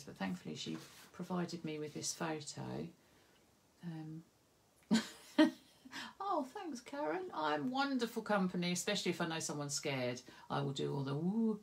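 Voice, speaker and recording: Giggly, gravelly woman chatting. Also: low-pitched. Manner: chatty, giggly, rambling anecdotes. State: stuffy from hay fever. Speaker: craft tutorial host. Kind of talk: casual chat to viewers.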